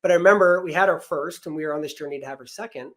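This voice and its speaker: A man's voice: on the high side, rapid-fire, a bit bright. A man in his thirties, a podcast guest, earnestly telling an emotional personal story about loss and faith.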